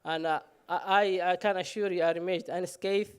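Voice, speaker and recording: A man's voice: high voice, fairly even intonation, moderate pace, clear, resonant tone. A man from Somalia, telling a personal story on stage with self-mocking humor and frequent "uh" fillers.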